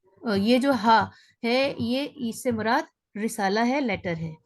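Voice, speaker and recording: A woman teaching a beginners' grammar class online, explaining step by step and often checking in with her students. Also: a little high.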